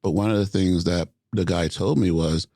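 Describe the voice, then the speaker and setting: A man hosting a podcast, talking in a measured, reflective way and using academic terms. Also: deep voice, fairly even intonation, dark tone, no echo, clean studio sound. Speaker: podcast host. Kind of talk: conversational interview.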